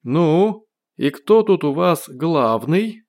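A man voicing a brash, cheerful man who has lost his memory, talking loud, cocky and playfully defiant in an audiobook. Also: a little high, sing-song, measured pace, pitched above the performer's own voice. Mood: shouting cheekily. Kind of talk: audiobook character voice.

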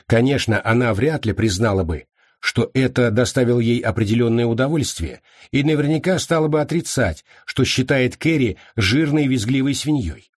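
Measured, husky male audiobook narrator. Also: mid-range voice, lively intonation, no room sound, studio quality. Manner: slow, measured reading. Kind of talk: scripted novel narration.

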